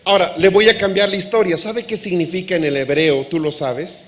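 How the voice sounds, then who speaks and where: A man preaching a sermon as pastor, lively, asking the congregation questions and acting out dialogue. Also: high-pitched, brisk. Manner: animated preaching, acts out dialogue.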